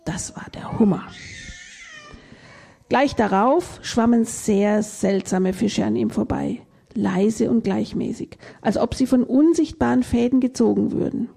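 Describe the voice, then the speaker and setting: Reading a children's picture book in a gentle storytelling manner, this reader moves a little slowly. Her tone is dark and mellow with husky, gravelly texture, pitched slightly high for a woman.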